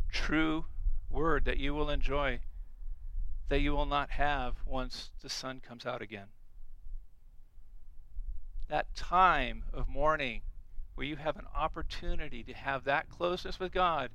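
Earnest preacher man, bright crisp voice. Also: on the high side, no echo, rough recording. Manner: earnest, emphatic, repeats key phrases. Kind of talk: sermon.

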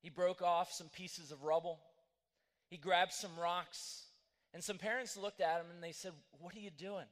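A man's voice: high-pitched, steady tone, a little slow, big-room sound. A man preaching a sermon, telling a story earnestly and often restarting his phrases. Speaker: pastor.

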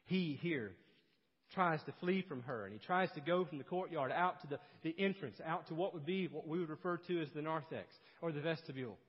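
A man preaching an expository sermon, telling stories and swinging between loud emphasis and hushed, low passages. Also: brisk, breathy edge. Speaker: pastor. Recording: dull sound with long hall reverb.

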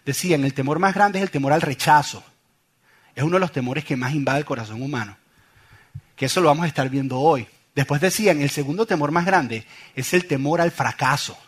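A man's voice: a little high, a little fast, breathy edge. A middle-aged man, preaching a sermon with funny anecdotes and acted-out voices. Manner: animated storytelling, acts out voices. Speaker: pastor.

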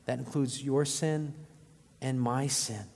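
A man's voice: mid-range voice, steady tone, slow pace, gravelly, a little mellow. A male pastor preaching a sermon to his congregation, often asking them rhetorical questions. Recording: long reverb of a large hall.

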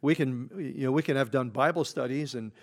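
A man preaching a midweek Bible study as pastor, talking in a loose conversational way with many fillers and restarts, and growing louder when he reads verses aloud. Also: mid-range voice, fairly quick. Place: church.

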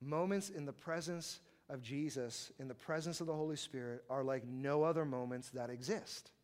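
A man preaching a sermon in a loose, conversational way, full of fillers and chuckles, who builds from quiet stretches to loud, emphatic passages. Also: mid-range voice, normal speed. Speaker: pastor.

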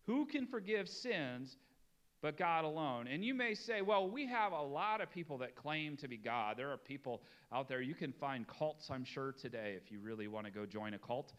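A man's voice: medium pitch, normal speed, few pauses, fairly bright tone, dull audio. A middle-aged man preaching a sermon, drawing out key words for emphasis and talking plainly to his congregation. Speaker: pastor.

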